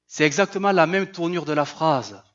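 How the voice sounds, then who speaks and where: A man's voice: fairly high pitch, moderate pace, a bit bright. A male pastor preaching a sermon, acting out Bible voices and firing rhetorical questions. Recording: slightly muffled recording.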